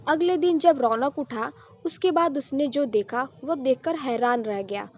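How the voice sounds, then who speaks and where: Brief: female storyteller, slightly high voice, scripted narration, muffled lo-fi audio. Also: a little slow.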